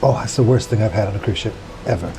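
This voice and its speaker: A man's voice: lowish voice, fast talker, vocal fry, music in the background, poor audio. A man co-hosting a cruise vlog. He gives wry, understated commentary on board a ship. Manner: wry, understated, dry humor.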